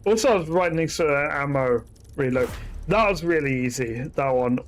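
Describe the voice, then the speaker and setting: A man's voice: fairly high pitch, animated, normal speed. A man giving casual, rambling commentary while streaming a shooter game, often correcting himself mid-sentence. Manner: chatty, rambling, self-correcting asides.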